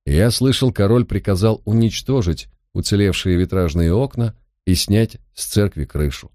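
A man's voice: on the low side, moderate pace, warm tone, dry recording, clean studio sound, lightly acted. A man reading the lines of a plain-spoken male companion in an audiobook. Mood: blunt.

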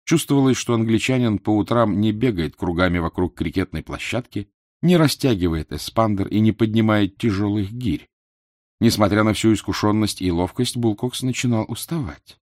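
A man reading a literary novel aloud as an audiobook narrator, in a measured, dramatic storytelling manner. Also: fairly low pitch, darkish tone, dry recording, studio quality.

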